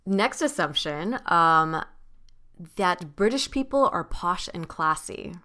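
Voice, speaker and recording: A woman's voice: on the low side, expressive, takes it slowly, bright, forceful tone. A young woman hosting a podcast, leading the chat with encouraging questions. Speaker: podcast host. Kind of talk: casual chat.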